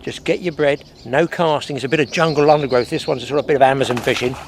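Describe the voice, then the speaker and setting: A middle-aged man, talking casually while fishing at a lakeside and getting excitable when fish bite. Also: medium pitch, fast talker. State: out of breath. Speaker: angling presenter. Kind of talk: outdoor fishing demonstration. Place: outdoors at a lakeside. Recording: faint outdoor noise.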